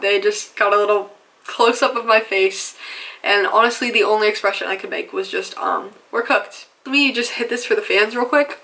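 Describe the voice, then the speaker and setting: A woman's voice: a little high, bright, forceful tone. A young woman in college telling a chatty, self-mocking vlog story full of fillers. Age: young adult. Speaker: vlogger.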